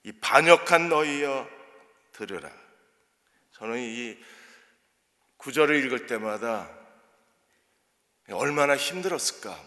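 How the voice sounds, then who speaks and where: A middle-aged male pastor preaching a Bible sermon, dramatic and questioning, at times shouting out the lines he quotes. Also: medium pitch. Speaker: senior pastor. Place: church sanctuary. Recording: long church reverb.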